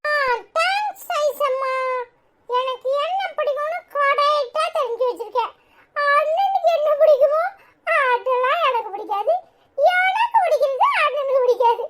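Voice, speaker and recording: A woman voicing a small, curious and whiny boy in a cartoon, with a childish squeaky voice and a Tirunelveli Tamil accent. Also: expressive, moderate pace, a bit bright. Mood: playful. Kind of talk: cartoon voice acting.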